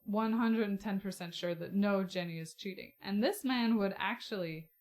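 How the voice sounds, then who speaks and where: A young woman co-hosts a casual podcast, talking bluntly and emphatically and swearing without hesitation. Her voice sits at an ordinary middle pitch for a woman. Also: normal speed, darkish tone. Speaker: podcast co-host. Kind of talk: casual book discussion.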